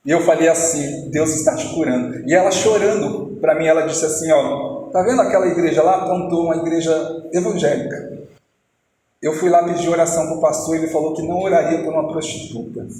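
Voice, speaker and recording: High-voiced preacher man in echoey hall. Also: brisk, warm tone. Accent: Brazilian Portuguese. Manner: storytelling, acting out dialogue. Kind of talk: testimony sermon. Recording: echoey hall, faint noise.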